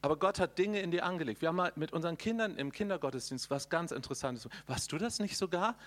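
A middle-aged man preaching a charismatic sermon, folksy and animated, talking straight to his listeners and making sound effects. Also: fairly high pitch, quick pace. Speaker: preacher and conference speaker.

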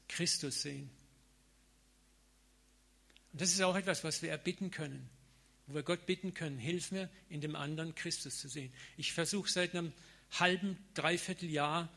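Middle-aged guy preaching a sermon, loose and chatty, slang thrown in, voice sits a bit high. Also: fairly even intonation, normal speed, gravelly, bright, forceful tone. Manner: informal, colloquial preaching with slang.

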